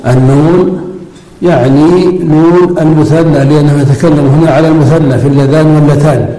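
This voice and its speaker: A man's voice: on the high side, dark tone. A male scholar teaching classical grammar, explaining verse by verse and asking the class questions. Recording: echoey hall with long reverb.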